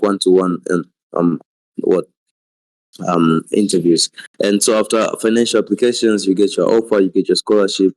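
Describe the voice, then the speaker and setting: Young tanzanian guy, really low monotone voice, kinda halting. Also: low-quality recording. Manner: halting, repeats words as he explains. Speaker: student sharing experience. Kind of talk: seminar talk.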